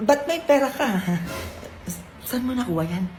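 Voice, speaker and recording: A woman's voice: high-pitched, big pitch swings, slow pace, darkish tone. A woman acting as a mother in a comedic skit, sweetly coaxing one moment and scolding the next. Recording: echoey room with music.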